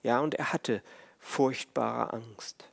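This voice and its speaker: Slow, solemn German preacher man. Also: mid-range voice, fairly even intonation, creaky. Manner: slow, measured, solemn delivery. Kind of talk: sermon on the stations of the cross.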